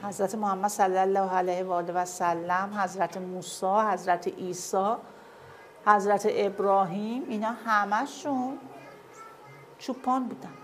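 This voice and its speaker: A woman's voice: medium pitch, fairly even intonation, a little hiss or hum. Woman lecturing, checking understanding. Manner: asks listeners often if they follow. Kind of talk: classroom lecture with slides. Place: classroom.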